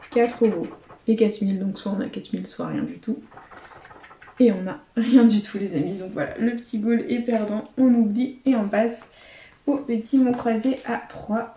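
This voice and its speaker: A woman's voice: a little high, warm tone, a little hiss or hum. A woman YouTuber chatting casually to her viewers as she scratches lottery tickets, calling them friends. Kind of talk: casual running commentary. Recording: echoey room.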